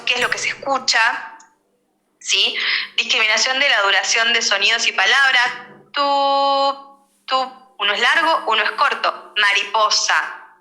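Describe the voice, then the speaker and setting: A woman's voice: a little high, bright, forceful tone. A woman giving a speech therapy lecture in a teacherly way, often checking in with her listeners. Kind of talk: online lecture with slides. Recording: roomy echo.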